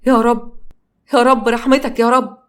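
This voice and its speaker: A woman's voice: fairly high pitch, little pitch movement, normal speed, natural voice. A woman voicing a poor village father pleading with his creditors, in an Egyptian accent. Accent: Egyptian Arabic. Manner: pleading, anguished. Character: desperate poor middle-aged village father.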